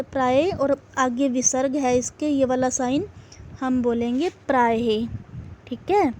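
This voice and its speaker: A woman's voice: sits high, darkish tone, slight background noise. A woman teacher giving a grammar lesson to young pupils, explaining step by step and asking questions she then answers herself. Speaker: school teacher.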